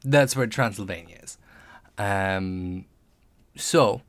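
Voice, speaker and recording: Man, fairly low voice, casual live-stream chat, thinking aloud, replying to viewer comments. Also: slow. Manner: thinks aloud, musing over options; chats back to viewers' comments. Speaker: streamer making a tabletop game character.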